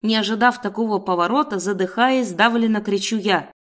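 A woman narrating a first-person story in scripted, measured storytelling. Her pitch sits in an ordinary middle range, and she keeps an even, steady delivery. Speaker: audiobook narrator.

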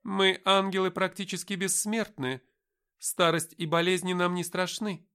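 A man's voice: sits high, flat delivery, measured pace, sharp tone, clear, resonant tone, pitched above the performer's own voice, full character voice. A man reading an audiobook voices a haughty, world-weary female angel who speaks in a commanding, solemn way.

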